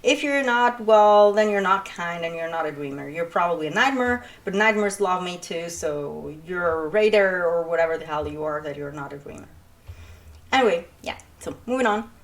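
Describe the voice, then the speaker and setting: A young Italian woman, a writer and streamer with an Italian accent, rambles casually through an introduction to her channel, full of fillers and restarts. Her fairly low voice is animated and moves at a normal speed.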